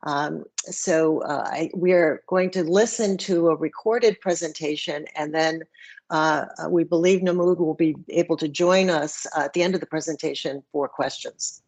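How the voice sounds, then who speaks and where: Woman session chair, very low pitch, hesitant with fillers, video call audio. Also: fairly even intonation, moderate pace, darkish tone. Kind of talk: online conference moderating.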